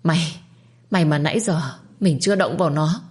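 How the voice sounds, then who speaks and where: A woman voicing a spiteful, shrill older secondary wife who screams abuse at servants. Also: normal speed, a little mellow, natural voice. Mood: shaken. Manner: shrieking, scolding, abusive.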